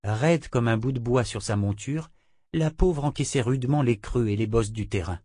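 A man narrating a fantasy novel in a measured, dramatic reading. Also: mid-range voice, dark tone, slightly rough, no echo, studio quality. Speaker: audiobook narrator.

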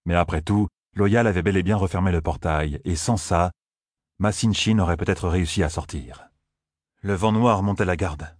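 A man narrating a fantasy audiobook in a steady, even storytelling manner. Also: low-pitched, moderate pace, dry recording, clean studio sound. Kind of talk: scripted narration.

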